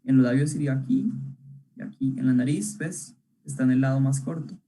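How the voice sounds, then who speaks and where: A man's voice: medium pitch, brisk, mellow, breathy edge, rough recording. A young man teaching an online illustration workshop, talking casually while he draws, with many fillers and checking questions. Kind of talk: live online drawing lesson.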